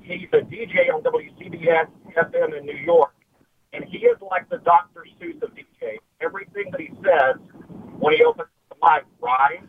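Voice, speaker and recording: Gravelly caller on a distant speakerphone. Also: male voice, sits high, wildly swooping pitch. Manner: eager, rushed, hard to make out. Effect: caller on speakerphone or Bluetooth with the phone held away. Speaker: radio call-in listener. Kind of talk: phone call to a radio show. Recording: tinny distant speakerphone line with faint noise.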